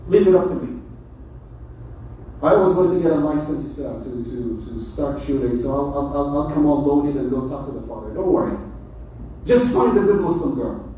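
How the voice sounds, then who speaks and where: A man preaching as an imam in a mosque, animated and joking as he speaks. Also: fairly high pitch, moderate pace, slight background noise. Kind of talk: mosque sermon. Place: mosque hall. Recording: echoey hall, mic from far.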